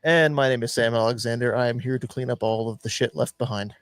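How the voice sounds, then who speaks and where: A man's voice: medium pitch, fast, dry recording. A man hosting a podcast, joking and swearing in loose banter. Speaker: podcast host. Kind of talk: casual chat.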